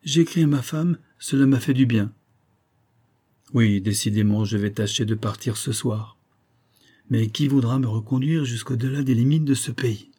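A man reading a story aloud in the first person, measured and reflective. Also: mid-range voice, warm tone, husky. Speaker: narrator.

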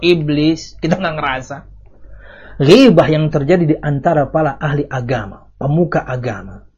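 A man teaching a religious study lecture. He reads classical Arabic text, then explains it in lively casual talk with rhetorical questions. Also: a little high, husky. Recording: dull lo-fi audio recording.

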